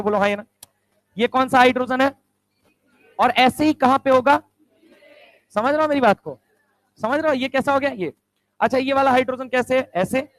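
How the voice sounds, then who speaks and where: A male chemistry teacher lecturing a class, firing quick rhetorical questions and answering them himself. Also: extremely high pitch, dry recording, rough recording. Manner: answers his own questions aloud.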